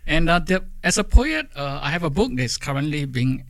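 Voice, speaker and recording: Casting: male guest, Singaporean accent, slightly high voice, reflective and halting Singlish-tinged talk, dry sound. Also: very animated, fairly bright tone, dry recording. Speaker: poet, guest.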